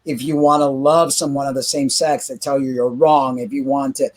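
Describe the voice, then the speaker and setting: A man's voice: mid-range voice, flat delivery, moderate pace, a little mellow. A man from Cuba talking emphatically in a casual panel discussion.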